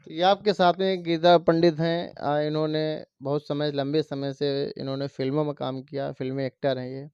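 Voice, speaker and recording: High-voiced male news reporter. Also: level tone, normal speed, few pauses, darkish tone, smooth, no echo. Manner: formal, introducing and questioning the guest. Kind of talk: news interview. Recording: slightly muffled, dry recording.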